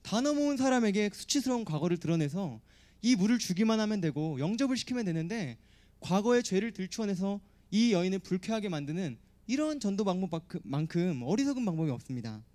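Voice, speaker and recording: A man delivering a sermon to a youth gathering, his fairly high voice rising and falling a great deal. His tone is mellow and soft-edged. He makes his points through everyday stories and rhetorical questions. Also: sing-song, fairly quick. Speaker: youth preacher.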